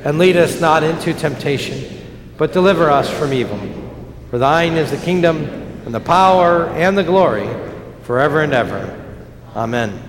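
A man leading prayers in a church chapel in a measured, solemn liturgical cadence, his voice ringing with a cathedral-like echo. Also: fairly high pitch, expressive, a little hiss or hum. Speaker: pastor. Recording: long church reverb.

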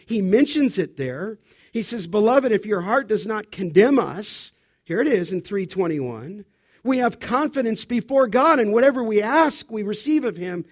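High-voiced man preaching an emphatic sermon. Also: a little mellow. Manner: emphatic, asks the congregation to fill in words. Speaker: pastor. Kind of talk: expository sermon.

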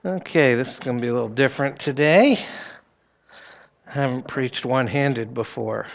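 A man's voice: mid-range voice, normal speed, gravelly, muffled recording. A middle-aged man with an American accent preaching as a pastor in a conversational, plain-spoken way. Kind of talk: sermon with prayer and personal anecdotes.

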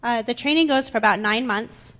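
Higher-voiced young woman interpreting. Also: fairly quick, a bit bright, lo-fi sound. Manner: hesitant, with fillers and restarts. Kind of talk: consecutive interpreting. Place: church sanctuary.

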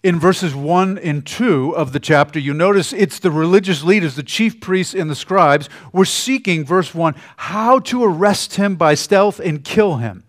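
Higher-voiced man preaching conversationally. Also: animated, measured pace, few pauses. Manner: conversational preaching, often trails off softly at phrase ends. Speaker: pastor. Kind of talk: sermon.

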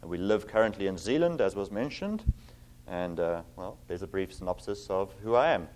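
Preaching as a guest pastor, this middle-aged South African speaks in a low, animated, slightly mellow voice. His earnest delivery is full of fillers, and he slows down to read scripture with emphasis.

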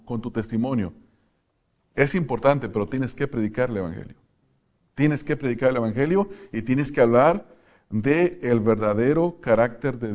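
A man preaching a sermon in a church, earnest, moving from quiet asides to loud, emphatic outbursts. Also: medium pitch.

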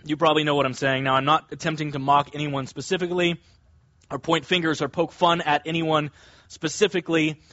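A man delivers an expository sermon in a fairly high voice, stressing key words deliberately. The recording is dry and a little dull. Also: little pitch movement, fairly bright tone, no echo. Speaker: preacher. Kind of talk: expository sermon, teaching verse by verse.

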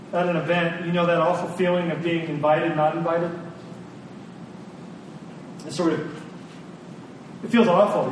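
A high-pitched preacher gives an informal, earnest sermon, repeating phrases for emphasis in a conversational way. The mic is distant, the room very echoey, and noise is clearly audible.

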